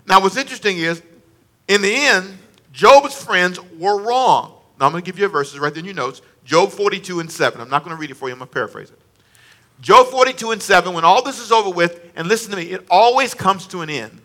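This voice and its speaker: A man's voice: sits high, pushed and bright. A man preaching a conversational sermon, stressing points by repeating phrases and addressing the congregation directly.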